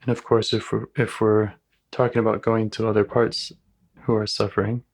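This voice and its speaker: A man guiding a client as a therapist in a live session, calm and gentle, reflecting back what he hears. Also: on the low side, moderate pace.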